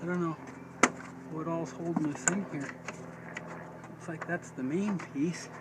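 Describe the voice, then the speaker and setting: Working inside a parked Jeep, a middle-aged man shows how to do a job in a relaxed, folksy manner, musing aloud as he goes. His voice is slightly high and a bit slow, and the handheld recording in the vehicle is noisy.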